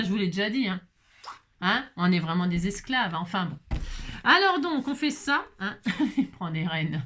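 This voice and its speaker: A woman's voice: a little high, a bit bright. A middle-aged woman hosting a casual craft tutorial, chatty and jokey, talking to herself as she folds. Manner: chatty, jokey, talks to herself while folding. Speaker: crafting video host.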